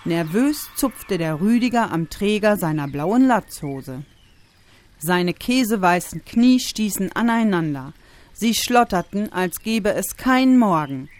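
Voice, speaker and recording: A woman reading a children's story aloud with expressive storytelling. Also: medium pitch, a little slow. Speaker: narrator.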